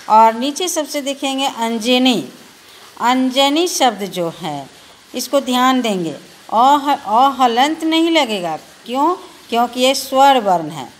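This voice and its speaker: A high-voiced woman teacher with a Bihari Hindi accent patiently spells out letters one by one for children in a recorded lesson, with slight noise in the background.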